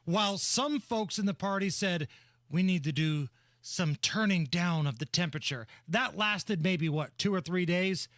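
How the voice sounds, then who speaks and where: A man's voice: high-pitched, a little slow, a bit bright, no room sound, clean studio sound. A man co-hosting talk radio with opinionated banter in a sardonic, mocking way.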